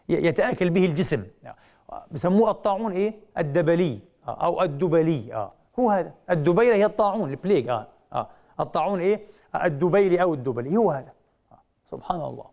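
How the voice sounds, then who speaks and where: A man giving a televised religious lecture, telling stories with rhetorical questions and slowing down to quote traditions. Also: fairly high pitch. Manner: animated storytelling, slows down to quote hadith; asks rhetorical questions with drawn-out "eh".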